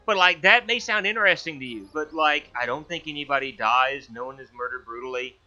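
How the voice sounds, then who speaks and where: Faint music plays behind a man hosting a laid-back let's-play on his gaming channel, talking fairly quickly in a sharp, highish voice. He wanders from thought to thought, tripping over words and starting again. His headset mic gives a dull, low-fidelity recording.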